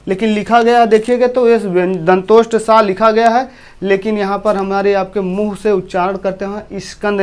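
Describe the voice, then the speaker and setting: A man teaching a class with a Hindi accent from eastern Uttar Pradesh, often repeating himself and asking his students questions. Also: high-pitched. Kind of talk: classroom lesson.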